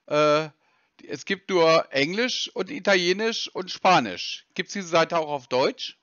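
A man's voice: a little high, slow pace, a bit bright, no room sound. A man baiting a scammer over the phone, taunting and insulting him sarcastically. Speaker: scam baiter. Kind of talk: mocking phone prank call. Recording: dry muffled phone call.

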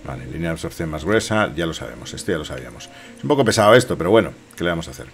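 Man, fifties, accent from Spain, low voice, jokey streamer muttering over a game, music underneath. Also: big pitch swings, rapid-fire, creaky. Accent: Spanish from Spain. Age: 50s. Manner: jokey, muttering to himself, echoing the game's lines. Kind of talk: casual gameplay commentary.

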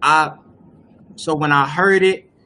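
A young man hosts a casual live video call discussion, explaining at length with lots of fillers and restarts, picked up by a webcam. His voice is on the high side and steady, slow in pace, with a bright, forceful tone and a little hiss or hum.

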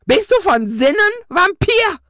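A woman voicing a pompous old male ghost who hunts vampires, booming out threats and chanting slow incantations. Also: very animated, creaky, fairly bright tone, no room sound, clean studio sound, heavily acted. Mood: menacing.

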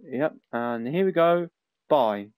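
A man's voice: mid-range voice, expressive, slow pace, darkish tone, smooth, no echo. A young man giving a rambling, casual gameplay commentary as he tours a building he made. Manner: rambling, informal, with frequent fillers. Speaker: gaming YouTuber.

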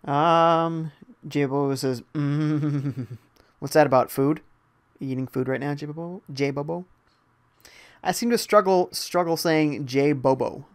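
A man's voice: fairly high pitch, unhurried. A young man casually commentating a live game stream, reading viewer chat aloud and reacting to the gameplay. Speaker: gaming streamer.

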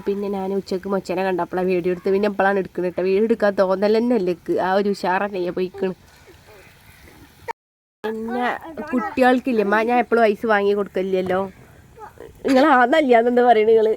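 Chatting casually in her family vlog, this woman speaks quickly in a steady, mid-range voice, addressing viewers directly and finishing remarks with gentle tags.

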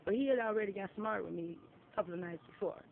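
Speaking at a quick pace in a creaky, medium-pitched voice, a woman living in a shelter recounts a story in casual chat, bluntly and profanely performing the dialogue she quotes. The phone recording, made outdoors, is tinny with faint noise.

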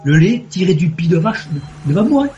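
A man from southwest France calling in to a radio show, telling stories in an excitable, effusive way. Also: sits high, a little fast, dull audio, a little hiss or hum. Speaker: caller. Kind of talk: phone-in chat.

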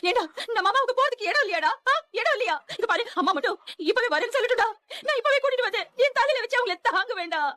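A woman's voice: very high voice, expressive, fast talker, a bit bright, dry recording. An actress playing a grown daughter who is crying and pleading over her mother in a TV serial. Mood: tearful. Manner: sobbing, pleading. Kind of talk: TV serial acting.

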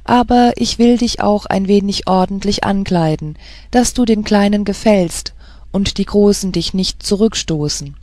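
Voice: mid-range voice, unhurried, darkish tone, dry recording, lightly acted. A reader voicing a stately, loving queen mother in an audiobook fairy tale, speaking solemnly and tenderly.

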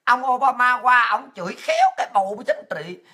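A woman's voice: a little high, expressive, moderate pace, pushed and bright, slightly rough. A woman with a Southern Vietnamese accent giving an angry, profane political rant. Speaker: political commentator.

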